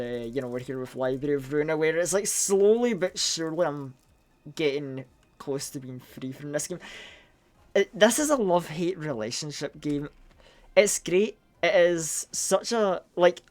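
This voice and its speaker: A streamer from Scotland chats loosely while playing a game live, swearing a lot and getting excitable. His middling-pitched voice trips over words and repeats them as his thoughts come tumbling out.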